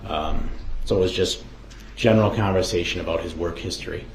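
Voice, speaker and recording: A man's voice: sits low, fairly quick. A male investigator giving formal, matter-of-fact testimony as a witness, with hesitant phrasing. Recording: echoey courtroom, faint noise.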